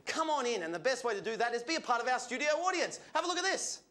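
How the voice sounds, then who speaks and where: A man's voice: very high voice, big pitch swings, fast, sharp tone, a little hiss or hum. A man hosting a live comedy show, introducing segments with jokey showmanship. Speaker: host. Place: television studio with live audience.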